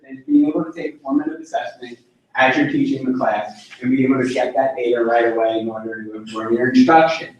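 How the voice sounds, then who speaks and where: A man leading a classroom workshop, chatty and halting, with frequent restarts. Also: a little high. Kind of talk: classroom presentation. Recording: echoey room, from far off.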